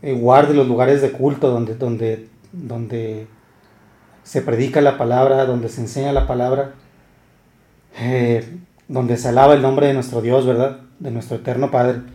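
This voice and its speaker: A man's voice: medium pitch, fairly even intonation, measured pace, warm tone. A man preaching and reading scripture, hesitating often with fillers and repeated words. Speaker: preacher and Bible teacher. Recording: roomy echo.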